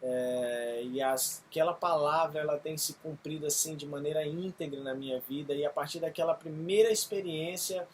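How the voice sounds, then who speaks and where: 30s pastor, earnest and halting, lots of ums, slight background hiss. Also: male voice, a little high, steady tone. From Brazil. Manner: earnest, halting with frequent fillers. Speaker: missionary pastor. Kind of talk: testimony video.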